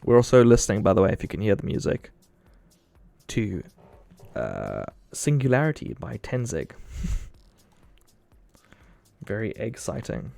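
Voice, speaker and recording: A man's voice: lowish voice, huge pitch swings, measured pace, gravelly, pauses often, mellow. Profane, rambling male streamer. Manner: loose, profane storytelling with acted-out quotes. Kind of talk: casual live-stream chat.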